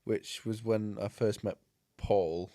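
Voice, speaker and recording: A man's voice: on the low side, fairly even intonation, warm tone, dry recording, studio quality. Jokey young man laughing through chat. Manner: jokey, laughs often, quick asides. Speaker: podcast co-host. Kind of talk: casual chat.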